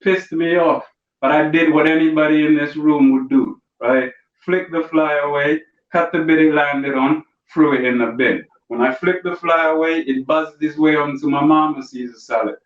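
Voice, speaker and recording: A man's voice: a little high, fairly even intonation, moderate pace. A man performing a stand-up comedy routine over a video call, telling stories with punchy asides to the audience. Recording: roomy, distant, dull lo-fi call audio.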